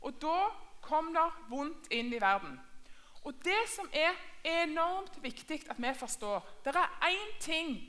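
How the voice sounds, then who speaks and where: A woman's voice: high-pitched, very animated, bright, forceful tone. A woman teaching a children's church class, asking questions and repeating herself in two languages. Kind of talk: bilingual Sunday school lesson.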